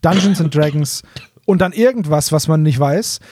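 Co-hosting an audio drama review podcast, this middle-aged German man explains points in relaxed fan conversation, frequently reworking his sentences as he goes. He speaks at a moderate pace in a warm, high-leaning voice, with a little hiss or hum in the audio.

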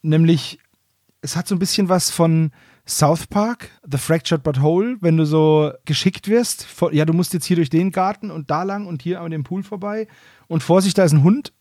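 A man's voice: fairly high pitch, normal speed, warm tone, no echo, clean studio sound. A man chatting casually and jokily as a podcast co-host, in colloquial speech. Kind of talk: casual discussion.

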